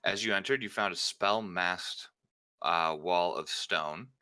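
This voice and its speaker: A man's voice: low voice, slow pace, bright, forceful tone, smooth, no room sound. A man acting as game master, narrating and running a tabletop game.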